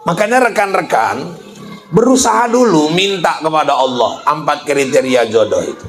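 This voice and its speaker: Lively joking preacher man. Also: fairly high pitch, normal speed, echoey room, soft background music, rough recording. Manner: folksy storytelling with playful comic voices. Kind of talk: humorous sermon. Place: school event hall.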